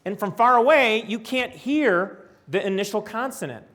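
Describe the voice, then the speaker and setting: An older man giving a conference lecture on reading, animated and demonstrating speech sounds aloud. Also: high voice, moderate pace. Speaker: presenter. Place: lecture hall.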